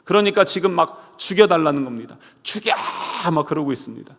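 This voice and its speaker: Guy pastor preaching, kinda high voice, big swings loud to soft, church hall echo ringing. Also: lively intonation, quick pace. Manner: dramatic, swinging between loud cries and hushed asides; asks the congregation rhetorical questions. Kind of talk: sermon. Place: church sanctuary.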